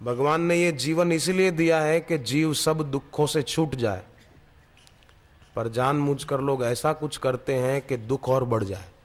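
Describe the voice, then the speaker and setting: A man's voice: mid-range voice, a little slow, big-room sound. A man preaching a devotional sermon, telling stories and driving his points home through repetition. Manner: storytelling, emphatic repetition. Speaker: spiritual preacher.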